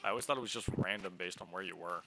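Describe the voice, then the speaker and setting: A man's voice: deep voice, very fast, very noisy. A man giving casual, rambling commentary on a game livestream, often interrupting himself. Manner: chatty, rambling, self-interrupting. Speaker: streamer. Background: game music.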